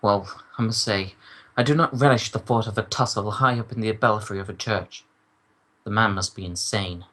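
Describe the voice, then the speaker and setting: Loyal doctor companion for radio drama: lowish voice, stuffy, proper, grumbling. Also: male voice, fairly even intonation, moderate pace, fairly bright tone. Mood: grumbling, uneasy. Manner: proper, grumbling, old-fashioned. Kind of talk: old-time radio drama acting.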